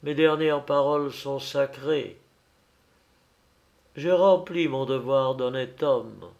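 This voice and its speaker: A solemn dying father speaks his last words slowly and gravely, his voice rough with gravel, as a man reads him aloud. He builds from measured calm to fervent calls for vengeance. It is a storybook melodrama. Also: mid-range voice, muffled recording.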